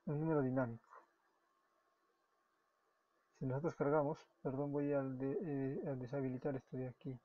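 A man's voice: mid-range voice, little pitch movement, fast, no room sound. A man from Peru with a Peruvian Spanish accent walks through a coding tutorial step by step, often correcting himself. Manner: explains step by step, self-correcting, often apologizing. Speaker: web development tutor. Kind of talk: screen-recorded coding tutorial. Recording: dull lo-fi recording with keyboard typing.

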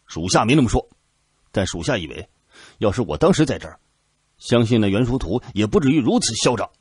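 A man voicing a stubborn young officer who shouts back defiantly at his superior. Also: lowish voice, big pitch swings, fairly quick, slightly rough, dry recording, studio quality, pitched above the performer's own voice, full character voice.

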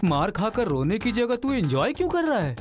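A playful young father in a dubbed film, coaxing and teasing his little son. His voice sits high and leaps around as he coos and jokes. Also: sing-song, normal speed, over loud music. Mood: scolding. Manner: coaxing, playful baby talk. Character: doting young father who brags and jokes. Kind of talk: Hindi film dubbing.

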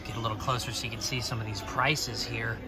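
Man giving a store tour over loud music. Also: medium pitch, steady tone, quick pace. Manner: upbeat, points things out as he walks. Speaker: vlog host. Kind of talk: casual walking tour narration. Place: large store, then indoors in a car. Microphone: handheld phone camera.

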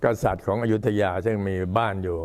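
Low-voiced older Thai monk, an old man. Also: fairly even intonation, fast, a little mellow. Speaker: Buddhist monk addressing temple visitors. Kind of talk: informal talk, recounting temple history and announcements.

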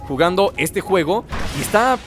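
Man, high voice, jokey gameplay commentary, music in background. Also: normal speed. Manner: playful, excitable, jokey asides. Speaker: gaming YouTuber.

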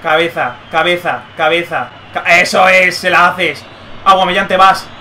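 A young man commentating live on his own football video game match, muttering one moment and yelling the next. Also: high-pitched, unhurried, slight background noise. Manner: excitable, swings from muttering to yelling. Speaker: gaming streamer.

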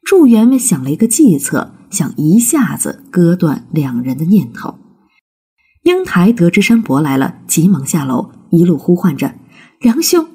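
A woman reading a classic folk tale aloud as a storybook narration, with slow, expressive delivery. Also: lowish voice, breathy edge.

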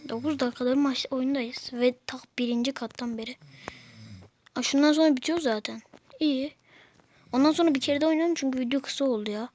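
High-voiced woman, exasperated gamer. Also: fairly quick, darkish tone. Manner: exasperated, complaining at the game. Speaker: gameplay video maker. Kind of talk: casual gameplay commentary.

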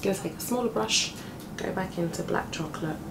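A woman in her thirties, a beauty vlogger, chats a little fast in a creaky morning voice that runs deeper than usual while applying makeup for a casual tutorial. She's indoors in her flat near a camera on her desk, and an open window lets in plane and street noise.

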